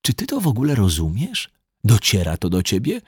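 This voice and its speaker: A man's voice: fairly low pitch, huge pitch swings, fairly quick, darkish tone, breathy edge, no room sound, clean studio sound, full character voice. A man reading the dialogue of an angry young woman who swears bluntly and demands answers, in an audiobook. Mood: angry, demanding. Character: angry young woman, sharp-tongued and defiant.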